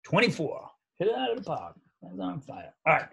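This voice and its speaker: A man's voice: fairly high pitch, huge pitch swings, a little fast, gravelly, fairly bright tone, husky. Chatty New man teaching code. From New York. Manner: casual, chatty, frequent "right?" checks. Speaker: coding instructor. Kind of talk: live online coding class.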